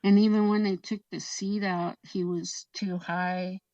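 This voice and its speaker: A woman's voice: mid-range voice, level tone, a little slow, a little mellow, no room sound. A woman guest telling a laughing anecdote in an interview, acting out quoted lines. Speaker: guest actress. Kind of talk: storytelling interview. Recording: distant, dull lo-fi sound.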